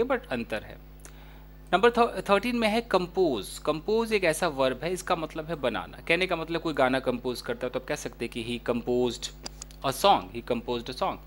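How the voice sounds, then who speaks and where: Higher-voiced Indian man teaching English. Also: a bit bright. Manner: explains with many examples and repeats English phrases slowly. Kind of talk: casual Hindi explanation of English vocabulary.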